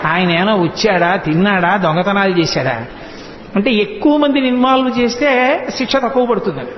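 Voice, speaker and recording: A man with a high voice tells a devotional story, chanting verses and acting out each character as he goes. The sound rings around a large hall with a long tail of reverb. The recording is dull and lo-fi, with a faint hum underneath. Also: a little fast. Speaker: religious discourse speaker.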